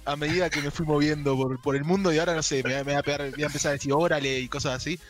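A man in his forties with a mixed Argentine and Chilean accent, chatting as a podcast guest over a remote call, relaxed and jokey, swearing casually, with faint music behind. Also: a little high, rapid-fire.

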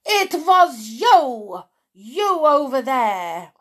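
A shrill, furious little witch queen shrieks her commands in strangely twisted English. Her voice sits high and blares out with rage. The whole delivery is slow and dragged out. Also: big pitch swings, heavily acted. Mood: enraged. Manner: shrieking, screeching, foreign-sounding broken English. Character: tiny furious female Grand High Witch.

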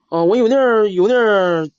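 A man calling in for advice, chatting casually in a hesitant, halting way and repeating himself. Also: high voice, darkish tone, smooth, no room sound. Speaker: caller seeking advice. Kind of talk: casual chat. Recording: dull lo-fi live call.

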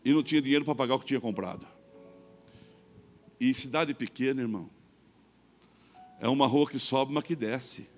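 A middle-aged pastor with a Brazilian Portuguese accent preaching a sermon, telling a personal story and acting out both sides of the dialogue. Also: male voice, mid-range voice, moderate pace, long pauses, soft background music. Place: church.

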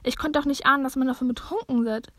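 A tearful young orphan girl with a flair for drama, as a woman reads her aloud, lamenting plaintively in a storybook reading. The voice sits fairly high and sounds close and dry, with no room around it. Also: steady tone, quick pace, fairly bright tone, no room sound.

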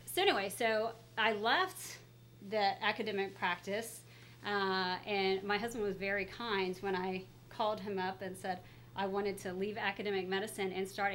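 A woman's voice: medium pitch, fairly bright tone, slight background noise. A middle-aged woman chatting casually as a pediatrician guest in an interview, speaking through a face mask. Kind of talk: casual interview, telling career story.

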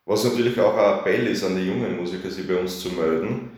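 A man's voice: low voice, quick pace, a little mellow. A man, a festival organizer chatting in an interview, often seeking agreement with little tag questions. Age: 30s. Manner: chatty, filler-heavy, asks for agreement. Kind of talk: casual radio interview. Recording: very echoey room.

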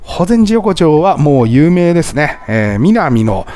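A man's voice: a little high, big pitch swings, measured pace, mellow. A man hosting a casual travel podcast, chatting and often laughing at his own stories. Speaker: podcast host and travel Instagrammer.

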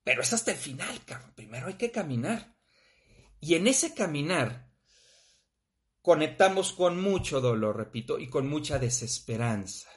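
A man's voice: fairly high pitch, normal speed. A man with a Mexican accent, talking bluntly and casually about grief, with frequent swearing. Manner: blunt, profane, animated. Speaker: podcast host.

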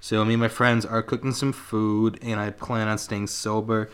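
A man in his twenties reading a story aloud on a casual podcast, laid-back and quick to laugh, swearing freely. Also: fairly low pitch, level tone, smooth.

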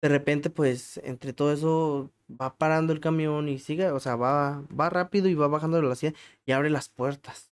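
A man's voice: fairly high pitch, fairly even intonation, normal speed, smooth. A man with a Mexican accent hosting a podcast, telling funny, crude stories about himself in casual slang and laughing at his own jokes. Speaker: podcast host. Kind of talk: casual comic storytelling monologue.

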